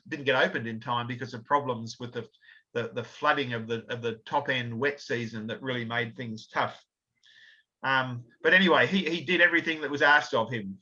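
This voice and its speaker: A man talks through history slides in a bright, forward voice. He explains as he goes, with plenty of ums and restarts. The audio sounds a little dull and lo-fi. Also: mid-range voice. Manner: explanatory, many fillers and self-corrections. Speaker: author and researcher giving a talk. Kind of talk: illustrated history talk with slides.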